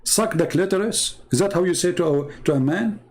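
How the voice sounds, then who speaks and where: Brief: male stream host, debate monologue, scornful and combative, slightly high voice, non-native English phrasing. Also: a little fast, a little mellow. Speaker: online religious debate host. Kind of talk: live-stream debate monologue reading viewer comments.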